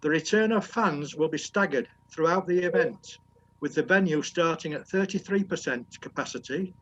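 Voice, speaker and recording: A high-voiced man reads the week's sports news to his group, steady and plain, fixing his own slips. The video call sound is dull and muffled. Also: normal speed. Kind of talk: reading sports news aloud.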